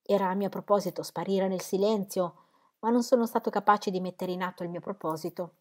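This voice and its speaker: A woman's voice: medium pitch, fairly even intonation, brisk, lightly acted. A woman reading aloud, voicing a proud, poor young man in love who bursts out in bitter anger. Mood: despairing.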